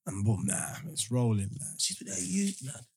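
A man with a London roadman accent telling stories in street slang, casual and animated, repeating phrases for emphasis. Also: medium pitch, normal speed, gravelly, husky, no echo, studio quality. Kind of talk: casual podcast banter.

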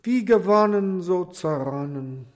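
Guy playing a prissy stuck-up lady needle in a storybook, slow and swooping, highish voice. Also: lively intonation, darkish tone. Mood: haughty. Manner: prim, self-important, drawn-out complaining. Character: vain, haughty female darning needle in a gutter. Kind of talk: audiobook fairy tale acting.

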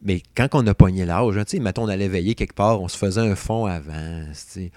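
A man's voice: sits low, fairly quick, no room sound, clean studio sound. A man in his thirties from Saguenay with a Québécois French accent, co-hosting a casual chat show and joking about old songs. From Saguenay, Quebec. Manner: animated, joking, hums song snippets. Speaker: podcast co-host.

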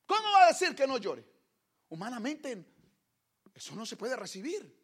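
A man's voice: very high-pitched, wildly swooping pitch, normal speed, breathy edge. A man preaching a fervent sermon full of emphatic rhetorical questions.

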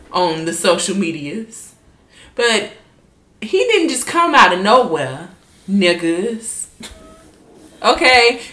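A woman hosting a podcast from home, talking loud, blunt and full of slang. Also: lowish voice. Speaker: podcast host. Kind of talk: casual chat. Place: home room. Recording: echoey room.

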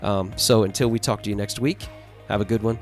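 A man's voice: fairly low pitch, steady tone, brisk, faint music behind. A man hosting a podcast, leading an earnest closing prayer and sign-off in a stuffy, nasal voice. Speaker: podcast host.

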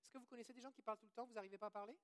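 Speaking very fast in a fairly high, fairly even voice, a woman with a Québécois French accent preaches a sermon. She is earnest, quotes scripture, puts questions to the audience and leads prayers.

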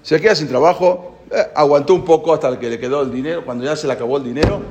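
A man, preaching a sermon and telling a parable in an animated way, often repeating his phrases. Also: a little high, fast talker, noisy background.

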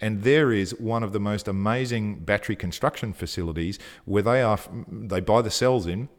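A man's voice: on the low side, normal speed. A man co-hosting a casual podcast chat, talking with enthusiasm and getting a little breathless as he gushes. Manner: enthusiastic, gushing, breathless at times. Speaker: co-host.

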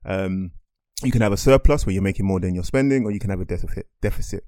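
A man's voice: deep voice, fast, dark tone, dry recording, clean studio sound. A man co-hosting a casual finance podcast, joking around and explaining things in plain terms. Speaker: podcast co-host.

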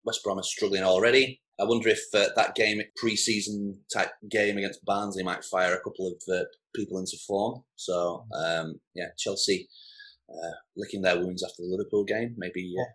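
A man hosting a casual sports chat, running through the week's fixtures with relaxed asides. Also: deep voice, normal speed. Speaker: show host.

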